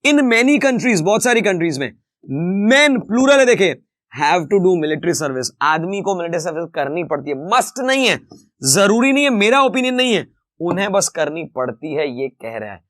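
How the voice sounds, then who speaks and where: A man teaching a grammar lesson in a lively, chatty tone. He often calls his viewers "friends" and reads each example sentence slowly before explaining it. His voice sits high and the recording is dry and close. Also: no room sound. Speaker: English teacher.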